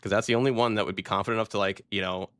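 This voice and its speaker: A man's voice: on the low side, fairly even intonation, racing, a bit bright, dry recording, clean studio sound. A man streaming a shooter game, chatting casually and laid-back, throwing in "bro" and "dude.". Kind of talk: casual gameplay commentary.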